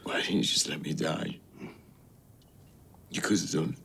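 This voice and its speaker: An actor playing a broken, self-loathing man with a gravelly, breathy voice, in a TV soap. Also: very deep voice, unhurried, background noise, exaggerated voice. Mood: anguished. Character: broken, self-loathing man facing the one who saved him. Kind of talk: naturalistic TV soap acting.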